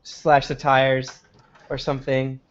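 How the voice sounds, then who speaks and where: A man's voice: medium pitch, monotone, slow pace, clean tone, muffled recording. A man chatting casually as a player in a live tabletop game. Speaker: player in a live tabletop role-playing show.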